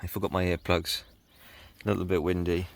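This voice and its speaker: Gravelly-voiced man vlogging outdoors. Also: low-pitched, brisk. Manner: relaxed, chatty, lots of ums. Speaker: wild camping vlogger. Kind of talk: casual outdoor vlog narration. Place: outdoors on a windy hillside.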